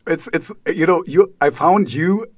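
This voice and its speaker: Non-native male host, halting, repeats words, dry close sound, mid pitch. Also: no echo. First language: not English. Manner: hesitant, stumbles and repeats words. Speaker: podcast host. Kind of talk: casual interview questions.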